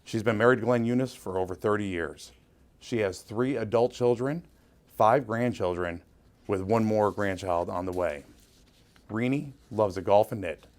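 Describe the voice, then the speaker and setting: Man presenting an award, somewhat low voice, earnest prepared tribute. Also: moderate pace, a little mellow. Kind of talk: reading a tribute speech.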